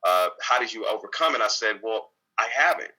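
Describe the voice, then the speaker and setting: A man appears as an interview guest in a candid conversation, speaking openly, reflectively and earnestly, with frequent repeated words and restarted sentences. His voice is on the low side, sharp, with lively intonation and a fairly quick pace. The audio is poor.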